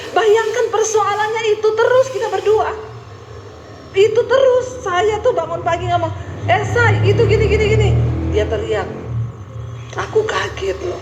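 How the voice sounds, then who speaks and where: A middle-aged woman pastor with a Sulawesi Indonesian accent, telling stories in an animated sermon with high rising tones. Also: echoey room, background noise. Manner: animated storytelling, high rising tones, addresses congregation as saudara.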